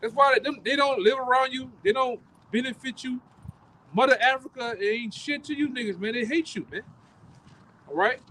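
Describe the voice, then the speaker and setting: A man, street preaching outdoors in a forceful, repetitive, profane way that keeps ending phrases with "man". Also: extremely high pitch, moderate pace, slight background noise, rough recording. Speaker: street preacher leading the camp.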